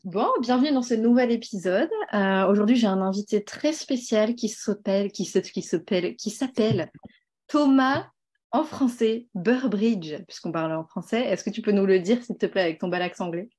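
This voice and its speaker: A woman's voice: medium pitch, moderate pace, a little mellow. A woman hosting a podcast, talking earnestly and casually, with frequent hesitations and fillers. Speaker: podcast host. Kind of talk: casual interview and promo.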